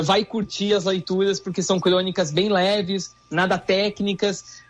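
A man with a southern Brazilian accent talking casually as a guest in a live interview. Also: high-pitched. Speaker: guest, wine book author.

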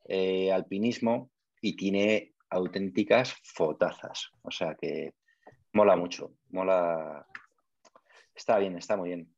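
A man's voice: fairly low pitch, darkish tone, no echo. A man from co-hosting a casual podcast, speaking in an easygoing, somewhat hesitant way. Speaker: podcast co-host. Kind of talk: casual chat. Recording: dull, dry sound.

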